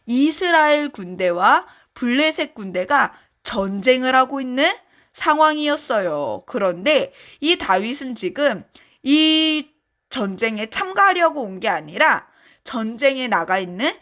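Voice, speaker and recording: Woman children's ministry teacher, lively storyteller, somewhat high voice. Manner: animated, friendly, addressing children.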